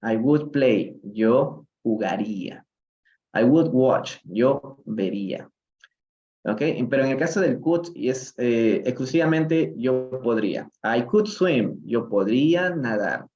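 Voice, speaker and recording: Through lo-fi sound comes a Peruvian-accented man with a medium-pitched, darkish voice and lively intonation. He hosts a live-streamed English reading lesson, explaining phrases slowly in Spanish and English and often checking in with "¿no?".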